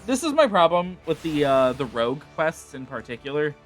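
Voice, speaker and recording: A man's voice: on the high side, big pitch swings, normal speed, soft background music. A man streaming a game, giving casual, wry commentary with self-correcting asides.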